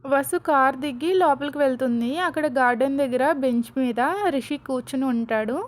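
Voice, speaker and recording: A woman's voice: sits high, steady tone, brisk. A woman casually retelling a story in a chatty, explanatory way.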